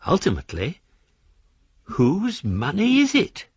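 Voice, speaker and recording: An actor voices a philosophical embezzler on the run in a British radio drama, a mannered, British-accented gentleman reading his formal, ornate letters aloud. He speaks slowly in a high register with wildly swooping pitch and a breathy edge, in a full character voice that sounds lofty and emphatic. The recording has no room sound and the highs are cut off.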